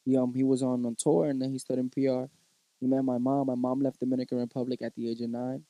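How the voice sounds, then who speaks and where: A man in his thirties from Puerto Rico, a musician guest chatting casually, relaxed and laughing often, dropping in Spanish words. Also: mid-range voice, fast talker, no room sound, dull audio. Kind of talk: casual chat.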